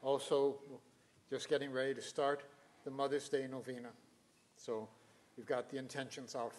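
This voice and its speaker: A man's voice: medium pitch, level tone, normal speed, darkish tone. Older male priest leading Mass. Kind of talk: liturgical speech at Mass. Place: church sanctuary at the altar, indoors.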